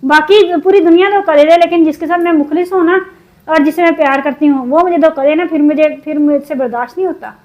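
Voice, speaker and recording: A woman from Pakistan chatting in a cooking vlog, upset and venting, her throat sore from shouting. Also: high-pitched, fast, muffled recording. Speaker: cooking vlogger. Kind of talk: casual cooking vlog chat.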